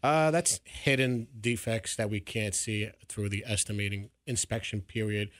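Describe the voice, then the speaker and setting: A man's voice: on the low side, fairly even intonation, moderate pace, a bit bright, dry recording. A man answering as a contractor guest on a radio show, speaking hesitantly with many fillers into a studio mic. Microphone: studio mic on boom arm.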